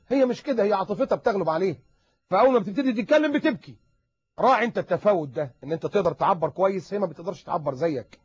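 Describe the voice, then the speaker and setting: A man with an Egyptian accent giving a lively religious advice lecture, talking animatedly and acting out little dialogues. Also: on the high side, breathy edge, no echo. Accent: Egyptian Arabic. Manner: animated, acts out dialogues, rapid repetitions. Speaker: preacher. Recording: dull lo-fi recording.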